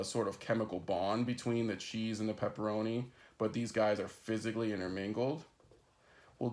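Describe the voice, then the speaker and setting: A man's voice: mid-range voice, darkish tone. A man recording an introductory chemistry lesson, explaining step by step and often checking in with "right?" and "okay?". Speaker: chemistry instructor. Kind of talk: recorded lecture.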